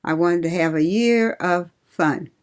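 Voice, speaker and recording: Slow-talking older woman reminiscing. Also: fairly low pitch. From Cincinnati, Ohio. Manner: slow, reminiscing, laughs often. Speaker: interviewee, retired nurse. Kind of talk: oral history interview.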